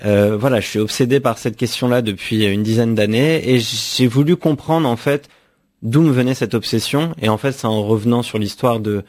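A man's voice: mid-range voice, moderate pace, a little mellow. A young man from France, an author answering radio interview questions in a thoughtful way, often restarting and repeating words. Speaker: author guest.

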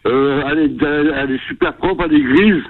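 Raspy smoker, male caller on phone. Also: fairly high pitch, lively intonation. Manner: halting, repeats words. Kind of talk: casual classified-ad pitch. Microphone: telephone. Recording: narrow-band phone line.

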